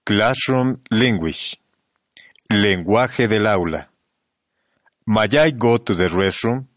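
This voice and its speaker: Slow, deliberate man teaching. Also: lowish voice, no room sound, clean studio sound. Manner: slow, deliberate, evenly paced delivery. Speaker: language teacher. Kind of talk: reading bilingual phrase drills.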